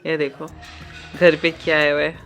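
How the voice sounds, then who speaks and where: A woman from India vlogging in a casual, chatty way. She mixes English phrases into her Hindi and tries to keep her pace slow and calm. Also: low-pitched, music in the background. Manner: tries to talk slowly and calmly. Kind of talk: casual vlog chat to camera.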